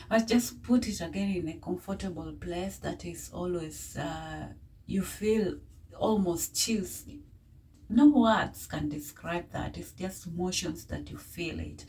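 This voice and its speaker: A woman who speaks English as a second language gives casual reaction commentary in a halting way, often repeating words and phrases. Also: fairly low pitch, mellow. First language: not English. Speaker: music reaction video host. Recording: distant mic with faint noise.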